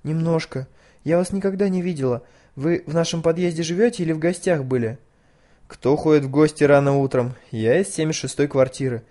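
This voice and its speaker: A man's voice: a little high, brisk, dark tone, lightly acted. A man voicing a frightened, chatty schoolgirl who squeals and pleads breathlessly. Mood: shaky.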